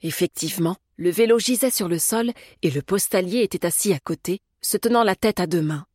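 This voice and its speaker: A woman reading an audiobook as narrator, in a calm, measured way. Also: lowish voice, breathy edge, no echo, studio quality. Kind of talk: scripted narration.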